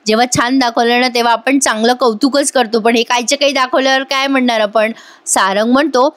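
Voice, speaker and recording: High-voiced woman recapping a serial. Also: fairly even intonation, brisk, fairly bright tone, no echo. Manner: retells scenes, acting out characters' lines; addresses viewers directly, critical asides. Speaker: serial reviewer. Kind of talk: voice-over episode recap.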